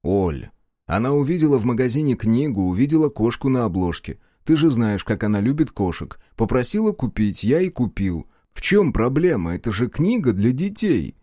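A man voicing a calm, evasive ex-husband in an audiobook, speaking in a soft, mild, placating tone. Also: medium pitch, normal speed, no room sound, clean studio sound. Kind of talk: audiobook character voice.

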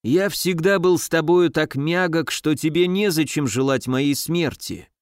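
A man reading the part of a dying old nobleman father, speaking slowly and weakly. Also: on the high side, clean tone, dry recording, clean studio sound, natural voice. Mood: weak, pleading. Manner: slow, weak, muttering.

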